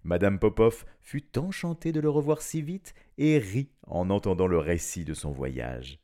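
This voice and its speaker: A man reading a children's story aloud in a playful, animated way, with chuckling asides. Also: sits low, measured pace.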